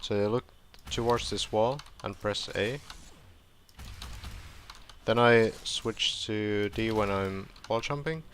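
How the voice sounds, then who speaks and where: A gameplay tutorial streamer with a low voice talks slowly through a casual walkthrough of a game. He sounds relaxed and rambling, full of fillers and self-corrections, and he's hoarse, clearing his throat at times. There's slight background noise.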